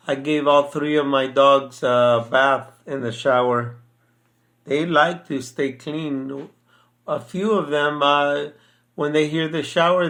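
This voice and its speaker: An older man speaks slowly, with a voice pitched a touch high for a man. He chats casually and reads his own poem, often stopping for fillers and restarting his sentences. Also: a bit bright. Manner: slow, hesitant with many fillers. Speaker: poet sharing his poems. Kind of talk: casual chat and poem reading.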